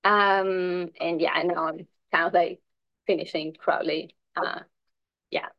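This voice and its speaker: A woman's voice: on the low side, steady tone, measured pace, vocal fry, dry recording, muffled recording. A young woman from Chile who is a PhD researcher, giving a research presentation in a casual style with many fillers. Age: young adult.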